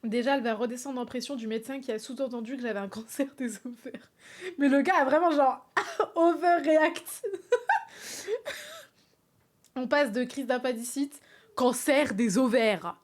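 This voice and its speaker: A young woman streaming live, chatting casually with her viewers, animated and laughing often. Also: fairly high pitch, fairly quick. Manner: animated, laughs often, talks straight to chat.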